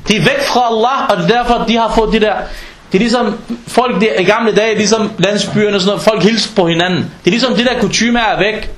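A man giving an informal sermon in an animated way, acting out everyday exchanges as he preaches. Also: sits high, reverberant. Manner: animated, acts out dialogues in quoted voices.

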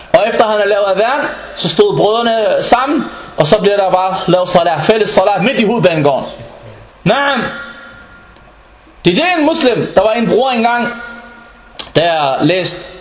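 A man preaching a religious lecture, telling anecdotes in an animated way and at times raising his voice. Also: sits high. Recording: echoey room.

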